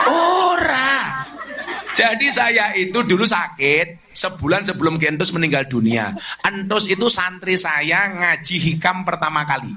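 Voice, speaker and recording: A middle-aged man with a Javanese accent preaching a sermon to a crowd, mixing humour and jokes with his lessons. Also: high voice. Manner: humorous, animated preaching with jokes and Javanese asides.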